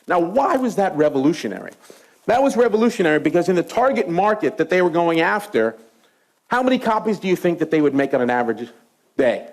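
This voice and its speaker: A middle-aged male professor lectures to a room of students, his voice sitting a touch higher than most men's. He tells his stories with animation and keeps turning to the audience with rhetorical questions. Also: sing-song, quick pace, creaky. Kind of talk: university lecture.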